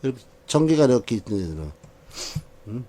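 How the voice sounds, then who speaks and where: Here the saju teacher's voice sits in the mid-range, warm and very animated, moving at a quick pace. Leading a class through reading a birth chart, he asks his own questions, supplies the answers, and laughs softly between points.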